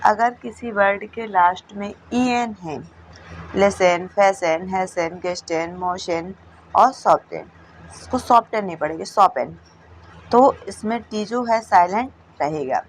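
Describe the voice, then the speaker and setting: Slow-paced woman teaching a lesson. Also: mid-range voice, slight background noise, low-quality recording. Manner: slow, with repeated checks like "theek hai". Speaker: English teacher. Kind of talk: explaining a classroom lesson.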